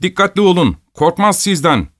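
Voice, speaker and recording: Male reader doing a pack of yelling, taunting young schoolboys, raised pitch, very dry recording. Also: very animated, moderate pace, no echo. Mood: jeering, shouting. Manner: shouting, taunting. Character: excited jeering schoolboys around eleven.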